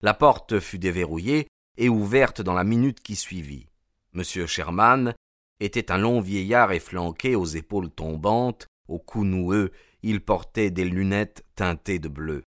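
A man reads a novel aloud in the first person, steady and measured. His voice sits low. The sound is dry and close, with no room around it. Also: no echo. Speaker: audiobook narrator. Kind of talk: scripted first-person narration.

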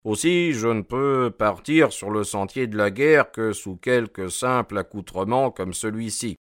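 A man's voice: fairly low pitch, measured pace, dry recording, studio quality, close to an everyday voice. A man voicing a wry, assured detective. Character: amused, commanding male detective.

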